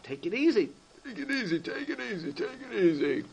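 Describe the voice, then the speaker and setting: A man's voice: high voice, measured pace. A man voicing a friendly, chatty male secretary who rambles with teasing questions in a children's story. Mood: soothing.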